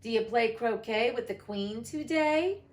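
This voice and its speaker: A woman voicing a mad, teasing storybook cat with drawn-out, emphatic phrasing. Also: fairly high pitch, lively intonation, pitched above the performer's own voice. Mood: casual, curious. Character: grinning mad Cheshire Cat, playful, teasing riddler.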